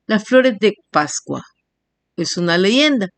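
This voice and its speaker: A woman teacher giving a recorded language lesson, reading definitions and slowly sounding out example words syllable by syllable. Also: mid-range voice, animated, no room sound. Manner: slow, spells words out syllable by syllable. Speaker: primary school teacher.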